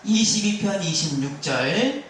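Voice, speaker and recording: A man's voice: high voice, very animated, unhurried, fairly bright tone, slight background noise. A male pastor preaching a sermon, pressing his points with rhetorical questions and calls for amen. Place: church sanctuary during afternoon service. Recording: very echoey hall, mic far off.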